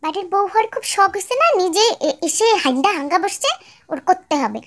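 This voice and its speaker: A woman's voice: very high voice, expressive, a little fast. A woman putting on a harsh, bossy older mother-in-law. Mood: scolding. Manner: harsh, nagging, abusive scolding. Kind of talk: fan-dub radio drama.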